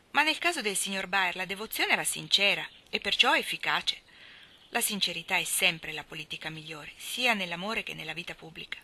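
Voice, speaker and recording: Female audiobook reader, sharp bright tone, expressive and measured. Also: lowish voice. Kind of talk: audiobook reading of a classic novel.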